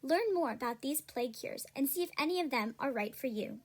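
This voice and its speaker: A woman playing an upbeat, salesy pitchwoman in a parody pharmaceutical ad, persuasive and scripted. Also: animated, brisk. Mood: upbeat sales pitch. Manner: salesy, persuasive announcer delivery. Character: upbeat 17th-century female drug-commercial pitchwoman selling cures.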